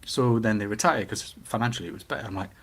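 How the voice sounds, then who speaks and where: A middle-aged man with a Newcastle Geordie accent, chatting casually and giving his opinions in an animated way, with rhetorical questions. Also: fairly low pitch, fast, breathy edge. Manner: animated storytelling with acted-out quotes and rhetorical questions.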